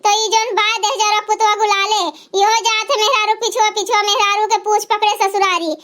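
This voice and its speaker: A shrill, squeaky cartoon mother-in-law, played by a woman who nags and rants without a break. She speaks, and her voice stays very high and bright throughout. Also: little pitch movement, brisk. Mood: scolding. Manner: nagging, ranting, name-calling. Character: sharp-tongued older mother-in-law, scolding and bitter. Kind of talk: cartoon voice acting.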